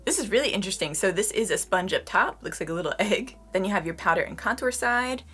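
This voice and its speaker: A young woman giving a casual beauty product review. She is slightly hoarse and talks to her viewers in a chatty way, often using "like" as a filler. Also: medium pitch, lively intonation, fast talker, fairly bright tone. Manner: chatty, addresses viewers as "you guys", frequent "like" fillers. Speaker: beauty vlogger.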